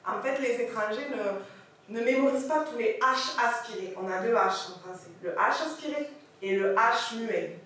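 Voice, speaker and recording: A woman French teacher giving an animated lecture on pronunciation, checking in with her audience as she goes. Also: on the high side, moderate pace. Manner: animated, corrects pronunciation, asks the audience questions. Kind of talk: lively classroom lecture. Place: lecture hall. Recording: echoey hall from far off, faint hiss.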